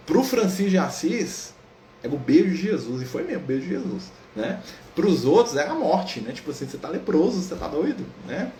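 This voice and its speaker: A man's voice: a little high, darkish tone. A man leading a spiritist study session, telling a saint's story in casual lecture style, tagging lines with "né?" and acting out the dialogue. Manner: storytelling, frequent "né?" tags, acts out dialogue. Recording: echoey room with faint background noise.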